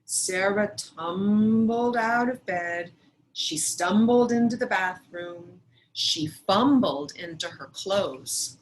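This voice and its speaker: Slow-paced woman teacher reading aloud. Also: mid-range voice, slight background noise, rough recording. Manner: deliberate, addressing pupils directly. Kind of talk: instructional read-aloud for pupils.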